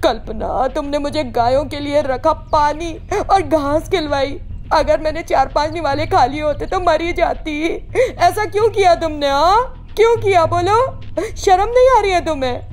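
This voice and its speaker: A woman's voice: fairly high pitch, lively intonation, moderate pace. Woman doing a bossy scolding mother-in-law. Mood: angry scolding. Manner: scolding, commanding. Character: bossy older mother-in-law, sharp-tongued.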